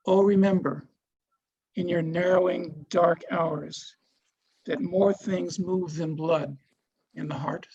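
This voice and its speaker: A man giving a solemn poetry reading, with measured and deliberate phrasing. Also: high voice, fairly even intonation, a little mellow, breathy edge, highs cut off. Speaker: poetry reader.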